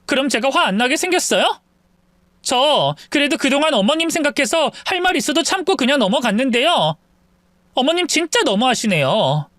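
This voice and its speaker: A man's voice: extremely high pitch, fairly bright tone, dry recording, studio quality, pitched above the performer's own voice, exaggerated voice. A man voicing an indignant young wife who argues with her mother-in-law in a pleading, reproachful way, in a dramatized storybook reading. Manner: pleading, reproachful, rising complaints.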